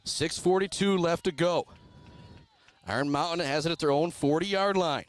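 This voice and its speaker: A man from Michigan doing radio play-by-play of a high school football game, building to shouts on big plays. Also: moderate pace. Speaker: play-by-play announcer. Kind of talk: radio sports commentary.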